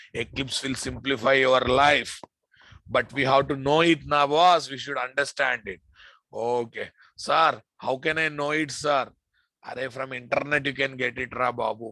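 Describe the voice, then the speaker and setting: Indian-accented man teaching, bright forceful voice. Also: medium pitch, dry recording. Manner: repeats phrases, addresses listeners familiarly. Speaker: programming instructor. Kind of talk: informal live classroom lecture.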